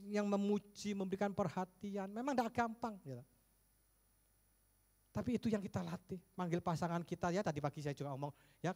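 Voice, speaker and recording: A man preaching a sermon as pastor, jumping between emphatic bursts and hushed low asides, with jokes along the way. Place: church sanctuary. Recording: echoey church hall.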